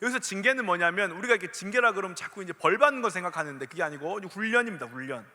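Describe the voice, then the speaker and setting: Male pastor with a Gyeongsang accent, animated preaching, voice swinging widely in pitch, long church-hall reverb. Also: racing. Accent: Gyeongsang dialect. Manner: animated, asks the listeners many questions. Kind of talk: sermon to a youth congregation.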